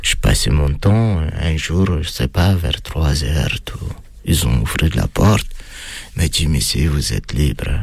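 Man, foreign accent, very low voice, slow halting speech, frequent filler pauses, dry close sound. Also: expressive, vocal fry, slightly rough, no room sound. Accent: foreign accent in French. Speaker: interviewee recounting time in prison. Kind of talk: casual spoken testimony.

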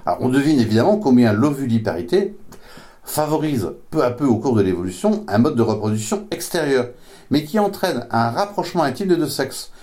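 This man's warm, mid-range voice moves fairly quickly with lively intonation. He's a biology expert giving a casual, didactic science explanation, often echoing his own words while he gropes for what comes next.

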